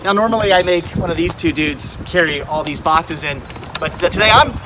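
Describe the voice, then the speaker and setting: A brisk American man with a slightly high voice hosts a movie-collecting video channel, filming a casual shopping vlog on location at a flea market and a store. He chats to viewers, often repeating himself, with background noise around him.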